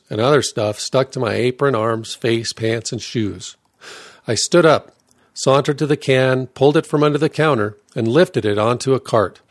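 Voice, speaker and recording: A man reads his own memoir aloud at a measured, deliberate pace. His voice sits in an ordinary middle register. The sound is dry and close, with no room around it. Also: mid-range voice, dry recording. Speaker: narrator. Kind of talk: reading a first-person memoir aloud.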